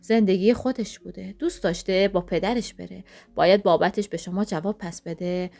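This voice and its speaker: A woman's voice: medium pitch, steady tone, gravelly, dark tone, lightly acted. A woman voicing a firm, protective older sister in an audio story. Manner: firm, scolding.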